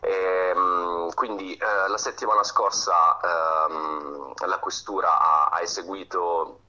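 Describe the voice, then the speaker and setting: Deep man on speakerphone. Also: fairly even intonation, pushed and bright. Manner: halting, many "eh" and "ehm" fillers and restarts. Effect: heard over a phone on speakerphone. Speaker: phone-in guest reporting events. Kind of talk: casual live radio phone report. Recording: dull lo-fi phone line.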